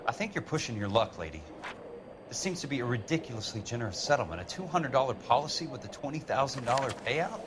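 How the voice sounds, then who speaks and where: An actor playing a blunt, skeptical, wisecracking insurance investigator in a 1940s noir video game. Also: male voice, medium pitch, very animated, fast, background noise, natural voice. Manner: blunt, condescending, wry.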